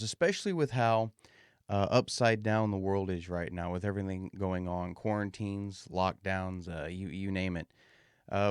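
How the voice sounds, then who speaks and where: A man with a fairly deep, resonant voice hosts a podcast on his own. He talks casually and folksily straight to his listeners, with a slightly muffled edge from a swollen mouth. The recording is dry and close. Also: smooth, no room sound. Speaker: podcast host.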